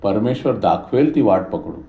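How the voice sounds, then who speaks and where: A man voicing a quiet elderly father who speaks softly through sobs. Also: on the low side, lively intonation, normal speed, narrow, tinny audio. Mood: hurt, resigned. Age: older. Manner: soft, sobbing. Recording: roomy echo.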